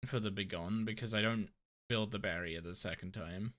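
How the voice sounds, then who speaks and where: A tired young man yawns as he chats casually on a live game stream, rambling and thinking aloud while he plays. His voice sits fairly low, a bit bright, with fairly even intonation at a normal speed.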